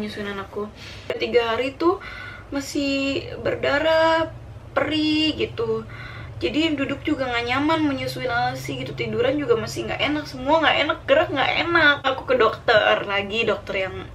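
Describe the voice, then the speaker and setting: A young Indonesian woman vlogger telling a personal story in a chatty, confiding way, her voice climbing high and anxious as she relives the worst moments. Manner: chatty and confiding, turns high and panicky when reliving the scare. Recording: slightly distant mic with faint room noise.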